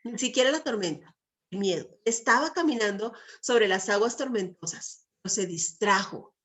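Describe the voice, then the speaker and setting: A woman's voice: medium pitch, animated, moderate pace, a bit bright. A woman preaching a sermon who keeps turning to her listeners with rhetorical questions and quotes scripture in a coaxing tone. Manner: asks the audience frequent rhetorical questions.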